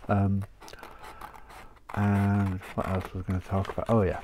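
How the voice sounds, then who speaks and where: A craft channel host with a low, monotone voice talks unhurriedly and rambles, laughing often and coughing from his chest while cutting paper at his craft desk. Paper crinkles close by against background noise.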